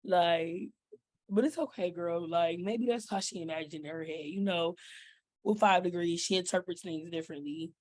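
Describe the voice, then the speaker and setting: A woman's voice: on the low side, normal speed, darkish tone, dry recording. A woman hosting a casual chat, laughing often as she gossips about a TV show. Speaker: host.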